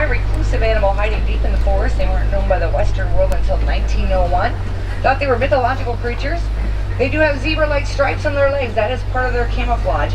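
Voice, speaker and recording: A woman working as a safari guide, giving live instructive tour narration to a group of passengers. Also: on the high side. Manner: instructive, addresses group as friends. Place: moving open safari truck outdoors. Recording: distant onboard vehicle speaker, loud engine noise.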